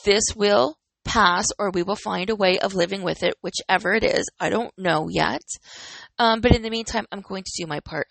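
A woman's voice: fairly low pitch, vocal fry, a bit bright, no room sound, low-quality recording. A woman in her forties talking in an earnest, encouraging and reflective way, as host of a personal motivational talk, smiling as she speaks. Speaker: podcast host.

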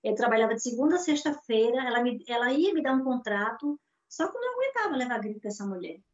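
Brazilian woman guest, high voice, lively storyteller, Brazilian Portuguese accent, muffled video-call sound. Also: fast. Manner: animated storyteller acting out dialogue. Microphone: video call mic. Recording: dull lo-fi call audio.

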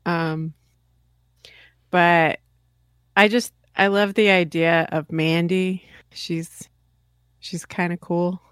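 Woman co-host, slow and low-pitched, dry remarks, close dry sound. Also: fairly even intonation, fairly bright tone, clear, resonant tone, no echo. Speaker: podcast co-host. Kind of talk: casual chat.

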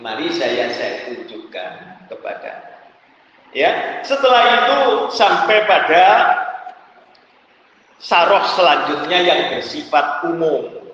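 A man giving a religious lecture, animated, with laughing asides and sudden shouts. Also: a little high, slow pace, pauses often. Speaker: preacher. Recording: echoey hall, dull lo-fi sound.

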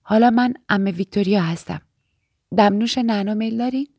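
A quiet, guarded young woman, read by a woman. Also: mid-range voice, no echo, clean studio sound, close to an everyday voice. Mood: restrained. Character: reserved young woman in training.

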